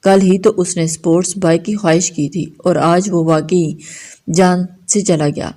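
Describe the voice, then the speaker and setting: A novel reader narrates a dramatic novel in a steady, measured way. Her voice is on the low side, warm and mellow.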